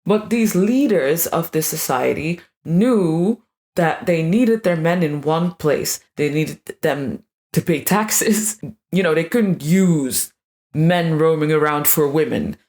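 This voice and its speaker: Irreverent, low-pitched woman vlogger. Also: animated, slow, a little mellow. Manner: irreverent, sarcastic, crude asides. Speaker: video creator. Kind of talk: scripted monologue.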